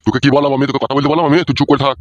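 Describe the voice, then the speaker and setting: A man voicing a foul-mouthed, furious middle-aged village father in a comic dub, yelling abuse nonstop. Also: medium pitch, little pitch movement, highs cut off, a little hiss or hum, close to an everyday voice. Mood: angry. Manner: rapid abusive yelling.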